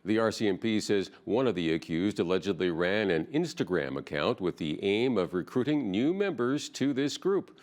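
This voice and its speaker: A man's voice: on the low side, big pitch swings, normal speed, few pauses, a little mellow. A man reading the news as a newscast anchor.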